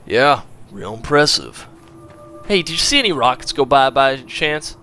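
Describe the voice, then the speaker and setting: A man giving casual gameplay commentary in a bright, forceful voice. He chats along and reads the dialogue choices aloud as he plays. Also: mid-range voice, big pitch swings, unhurried, soft background music. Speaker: gaming channel host.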